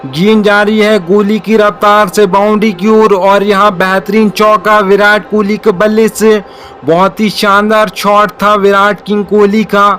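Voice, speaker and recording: A man giving excited cricket play-by-play commentary, building up the big shots dramatically. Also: sits high, a little slow. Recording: faint music behind the voice. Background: faint music.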